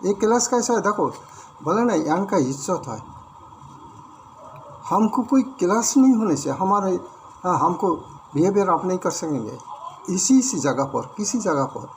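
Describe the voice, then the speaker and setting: A man with an Indian accent teaching an English grammar lesson, explaining slowly, repeating words and mixing English terms into Hindi. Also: high-pitched, animated, a little hiss or hum.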